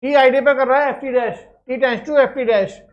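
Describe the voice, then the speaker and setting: A woman's voice: high-pitched, fairly even intonation, normal speed, lo-fi sound. A woman teaching a lecture step by step, often checking that students follow. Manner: explains step by step, checks with "clear?". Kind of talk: classroom lecture.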